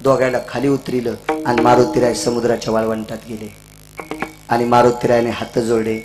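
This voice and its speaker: Middle-aged marathi preacher man telling a holy story, goes from shouting high to hushed, faint music under it. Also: monotone, fairly quick, rough recording. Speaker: kirtan preacher. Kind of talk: devotional storytelling sermon. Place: live religious gathering.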